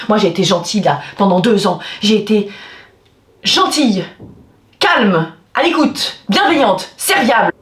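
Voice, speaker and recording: A woman vlogger venting to her viewers in a casual, exasperated way, with theatrical outbursts and swearing. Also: medium pitch. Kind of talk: venting to camera, casual vlog. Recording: echoey room with faint music.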